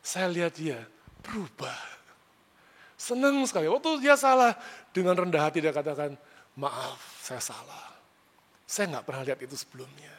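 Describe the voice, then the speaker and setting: Male preacher, conversational sermon voice, lively, long reverb of a hall. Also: high-pitched, a little fast. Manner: animated, conversational, rises sharply when retelling arguments. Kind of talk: sermon with personal storytelling.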